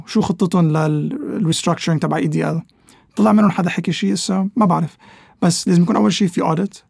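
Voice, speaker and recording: A man with a Levantine, specifically Lebanese, Arabic accent talks quickly in a high voice with a creaky edge. He explains conversationally, like an expert guest, slipping English words into his sentences. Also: darkish tone, dry recording, clean studio sound. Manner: mixes English terms into Arabic. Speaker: interview guest, economic analyst.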